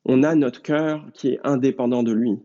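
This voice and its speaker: A man preaching a sermon in an earnest, measured way and speaking straight to his listeners. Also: mid-range voice, steady tone, dark tone. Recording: dull lo-fi recording.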